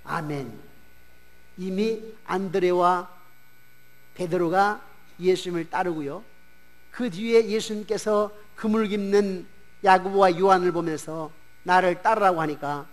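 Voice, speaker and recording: A male pastor giving a Sunday sermon in a church, preaching in an animated way and acting out the voices of disciples and regional speakers. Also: sits high. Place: church sanctuary.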